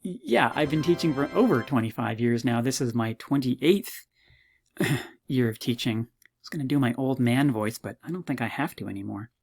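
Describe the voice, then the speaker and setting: A man in his fifties from Canada talks through a recorded course introduction as a university lecturer. He sits in a plain middle pitch and keeps slipping in teasing, mock-modest asides. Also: lively intonation, normal speed, gravelly, darkish tone, husky, soft background music. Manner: playful, mock-modest humor.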